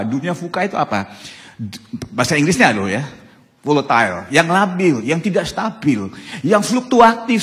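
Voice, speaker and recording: A man in his sixties preaching a sermon to a live congregation, animated and often tagging phrases with a direct address to the listeners. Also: a little high. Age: 60s. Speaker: pastor. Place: church hall with live congregation. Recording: echoey church hall.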